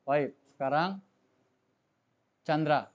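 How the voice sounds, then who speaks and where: High-voiced male tajwid teacher, lo-fi. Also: very slow. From Indonesia. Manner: explains patiently, asks students questions and has them repeat. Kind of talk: classroom lesson. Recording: dull lo-fi recording.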